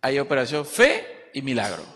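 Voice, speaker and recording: A man preaching a sermon at a church service, animated, acting out quoted dialogue and sometimes pausing to search for words. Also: medium pitch. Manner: searching for words mid-sentence. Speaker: pastor. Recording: long reverb of a church hall.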